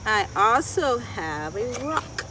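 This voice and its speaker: Speaking slowly with a fairly high pitch, a woman in her thirties questions young children in an expressive, singsong style outdoors in a wooded garden, where she hosts story time and teaches gardening. Chirring insects and outdoor ambience come through clearly.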